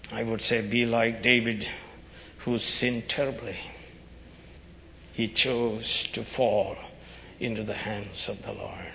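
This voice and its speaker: Slow, forceful doomsday preacher, echoing hall. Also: male voice, medium pitch. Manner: stern, urgent doomsday warning, like a street preacher; emphatic, solemn, deliberate phrasing. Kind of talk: fire-and-brimstone sermon. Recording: dull, noisy recording in reverberant hall.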